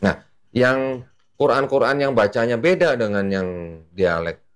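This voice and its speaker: A man's voice: medium pitch, animated, measured pace. A man, an Islamic preacher explaining at length in casual talk, patient and full of fillers.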